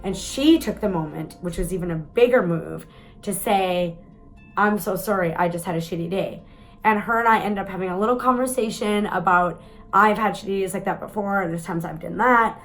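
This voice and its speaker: A woman's voice: medium pitch, normal speed, soft background music, low-quality recording. A woman, telling a candid, chatty story to the camera, with some mild swearing. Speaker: vlogger.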